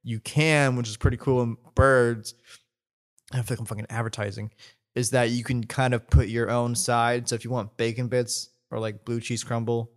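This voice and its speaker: A man's voice: medium pitch, little pitch movement, moderate pace. A young man co-hosting a podcast, chatting casually, rambling and swearing, laughing often. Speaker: podcast co-host. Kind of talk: casual chat.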